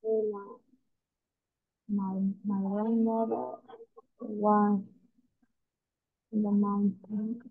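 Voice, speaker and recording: Slow, hesitant woman on tinny call. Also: mid-range voice, level tone, vocal fry. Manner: hesitant, asks for help with words. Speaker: student. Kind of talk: online lesson over a call.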